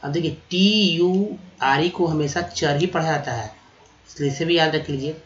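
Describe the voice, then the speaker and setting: Man slowly spelling out words. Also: on the high side, highs cut off. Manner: spells out words letter by letter and repeats them slowly; addresses viewers as friends. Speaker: English teacher. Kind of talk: vocabulary lesson.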